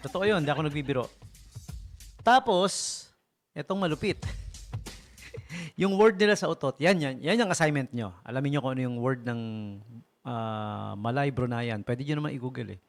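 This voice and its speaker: A man's voice: mid-range voice, moderate pace, creaky, pauses often. A man, a radio DJ telling funny stories in a casual, joking way and laughing often. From Philippines. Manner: joking, chuckling often, animated. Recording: radio broadcast with music behind. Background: music.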